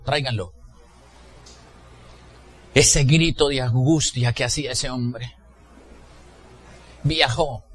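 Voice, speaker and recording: A man preaching a sermon, impassioned, rising to shouts and acting out the voices of the people in his story. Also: mid-range voice. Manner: impassioned, builds to shouts, acts out quoted voices.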